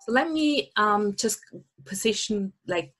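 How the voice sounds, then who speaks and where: A woman from Austria who is not an English speaker hosts an online summit from an indoor room, presenting a webinar over a webcam on a video call. Her mid-range voice is expressive, slow, and fairly bright, her chatty delivery is full of fillers, and soft music plays in the background.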